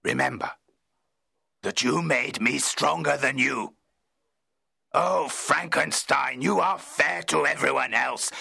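A man voicing a wretched, menacing man-made monster in a dramatised audiobook, pleading slowly in a rasping, bitter voice. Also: fairly high pitch, bright, forceful tone, no echo, studio quality, heavily acted. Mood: pleading, sorrowful. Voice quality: gravelly, rasping. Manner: slow, heavy, emotional pleading.

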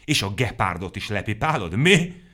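A man voicing a loud, blustering creature who bellows and shrieks in a storybook reading. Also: fairly low pitch, sing-song, voice pushed up, exaggerated voice. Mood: outraged.

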